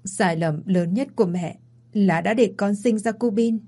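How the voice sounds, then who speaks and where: A woman's voice: mid-range voice, unhurried, warm tone, breathy edge. A woman voicing a weak, dying older mother in a story reading, by turns stern and pleading.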